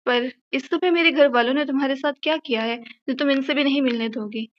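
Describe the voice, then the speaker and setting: A woman's voice: high voice, brisk, dull audio, natural voice. A woman voicing a proud, possessive young husband in an audio novel, asking curt, commanding questions.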